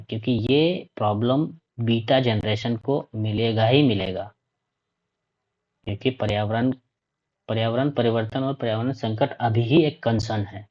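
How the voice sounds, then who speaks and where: A man teaching a lesson, reading points aloud and explaining them, often checking in with "okay". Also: medium pitch. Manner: reads points aloud then explains, repeats 'ठीक है' often. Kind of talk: classroom lecture. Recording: dull lo-fi recording.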